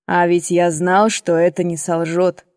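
Woman lowering her voice for a kindly old man. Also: a little mellow, dry recording, studio quality, lightly acted. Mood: tender. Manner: slow, fond and teasing. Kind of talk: audiobook character reading.

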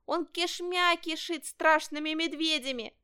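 A woman voicing a breathless, panicky little fox cub in a storybook reading, talking in hurried, alarmed bursts. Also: high voice, fairly even intonation, pushed and bright, voice pushed up. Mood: panicked.

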